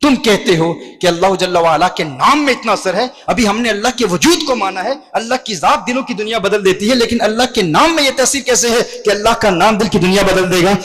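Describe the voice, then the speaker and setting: A man's voice: high-pitched, few pauses, a bit bright. A male preacher giving a sermon, telling stories dramatically and repeating his key phrases for emphasis. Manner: dramatic storytelling with emphatic repetition.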